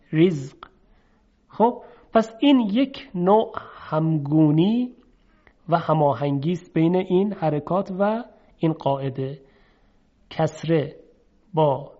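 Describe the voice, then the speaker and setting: A man teaching a recitation lesson, patiently explaining step by step and sounding out example letters by drawing them out. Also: a little high. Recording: dull lo-fi recording.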